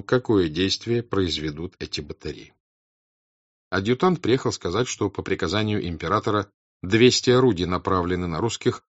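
A man narrating a classic novel as an audiobook in a measured, grave, deliberate reading style. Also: low-pitched, no room sound. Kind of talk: scripted literary narration. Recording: dry, dull lo-fi recording.

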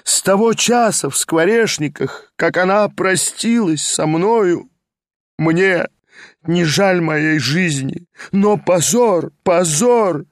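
A man reading an audiobook, voicing a frightened, tearful aging gentleman who pleads in a hushed, anxious way and drops in French phrases. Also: high-pitched, slow pace, no room sound, clean studio sound, voice pushed up. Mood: anguished.

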